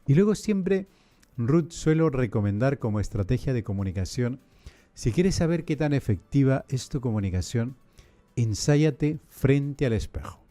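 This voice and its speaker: A priest hosting a podcast, explaining in a didactic, measured way and asking many rhetorical questions. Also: male voice, mid-range voice, lively intonation, mellow, soft background music.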